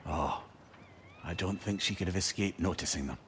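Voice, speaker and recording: A deep, fairly bright male voice at normal speed belongs to an actor cast as a wistful, witty elderly advisor with a Scottish accent. He narrates video game stories in a reflective mood, sounding lyrical, wry and conversational. There's ambient noise behind the voice.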